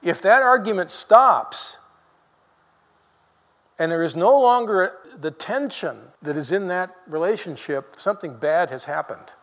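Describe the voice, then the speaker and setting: A man preaching a sermon in a lively, conversational way, full of rhetorical questions to the congregation. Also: sits high, measured pace, in a large hall.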